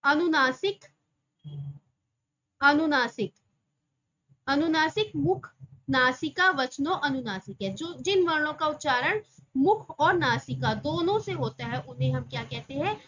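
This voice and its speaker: A woman's voice: sits high, lively intonation, a bit bright, highs cut off. A woman teaching an exam-prep grammar lesson, repeating each term and answering her own questions. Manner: slow, repeats terms and asks rhetorical questions.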